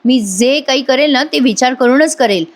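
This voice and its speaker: A woman's voice: high voice, moderate pace. A woman chattily retelling a TV serial episode and speaking straight to her viewers, taking on the characters' lines as she goes. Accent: Marathi. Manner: chatty, addresses the viewers directly. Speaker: serial recap narrator. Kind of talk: retelling a TV episode with voiced quotes.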